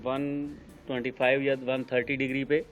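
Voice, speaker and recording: A man with a Pakistani accent teaching shorthand, explaining step by step with many pauses. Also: mid-range voice, level tone, soft background music. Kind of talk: screen-recorded tutorial explanation. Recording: dull lo-fi sound with faint noise.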